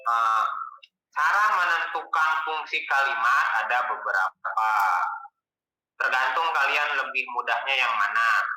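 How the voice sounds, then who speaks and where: A male tutor with a very bright, crisp voice, talking through the lesson in a loose, conversational way. He poses questions and then answers them himself. The sound is roomy and echoey, picked up from some distance off the mic. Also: medium pitch, unhurried. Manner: relaxed, colloquial explaining. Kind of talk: casual exam-prep lesson.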